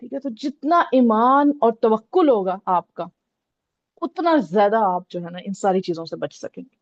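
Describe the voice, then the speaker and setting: A woman's voice: mid-range voice, expressive, moderate pace, no room sound, highs cut off. A woman teaching a religious lesson in a conversational way, often checking in with her listeners. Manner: conversational, repeats "theek hai" often. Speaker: Islamic teacher.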